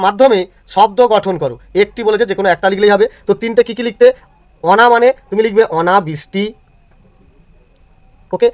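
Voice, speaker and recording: A male teacher explains exam answers to students step by step and keeps checking that they follow. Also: high voice. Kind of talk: exam answer walkthrough lesson.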